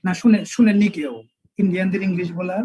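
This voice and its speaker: A male English teacher, lecturing an online class and spelling words out slowly with repeated examples. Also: high voice, fairly even intonation, mellow, slightly rough, no echo, low-quality recording.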